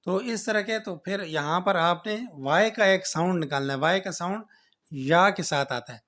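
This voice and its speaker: Man, teacher, classroom lecture, slightly high-pitched, patient repetitive explaining. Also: fairly bright tone. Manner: explains slowly, repeats points and asks "right?". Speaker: English grammar teacher.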